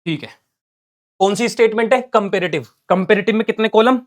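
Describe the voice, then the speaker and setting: A man teaching accountancy in an online lesson, reading out numbers as he writes and firing quick questions that he then answers himself. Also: high-pitched. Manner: talks while writing, reading out numbers. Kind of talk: online lesson, solving on a board.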